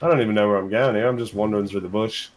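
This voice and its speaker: A man's voice: fairly low pitch, racing. A man from New Zealand with a New Zealand accent, chatting casually and joking on a hunting game stream. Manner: joking, laughs often. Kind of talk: casual gaming chat.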